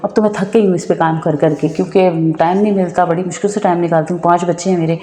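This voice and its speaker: A woman's voice: lowish voice, steady tone, mellow. A woman vlogger telling a personal story and giving advice in a chatty way, often checking in with her listener. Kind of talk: casual storytelling and advice talk. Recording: echoey room with long reverb.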